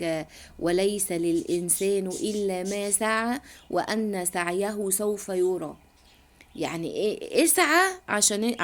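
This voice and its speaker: A woman's voice: lowish voice, darkish tone. A middle-aged woman with an Egyptian accent giving a casual motivational talk to women, chatty and repetitive with emphatic interjections. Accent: Egyptian Arabic. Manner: chatty and repetitive, many restarts and emphatic no's. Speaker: self-help vlogger.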